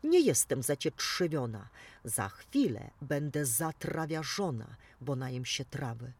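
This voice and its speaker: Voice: mid-range voice, sing-song, measured pace, slightly rough, distant mic, heavily acted. A storyteller voicing a proud female lawnmower in a children's story, growling and menacing. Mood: scornful. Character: proud boastful female lawnmower, loud and gruff. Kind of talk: storybook reading.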